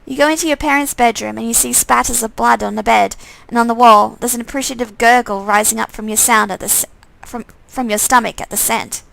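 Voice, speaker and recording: A woman's voice: a little high, steady tone, brisk, gravelly, hardly any pauses, a bit bright, dry recording, low-quality recording. A woman reading a visual novel aloud on a stream, narrating in the second person with small slips. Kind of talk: reading game text aloud.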